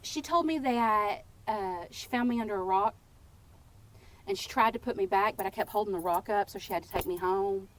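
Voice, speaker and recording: A woman from Texas, a podcast guest telling casual, playful stories in a lively way. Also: mid-range voice, moderate pace. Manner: lively, playful and warm-humored. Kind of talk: casual storytelling.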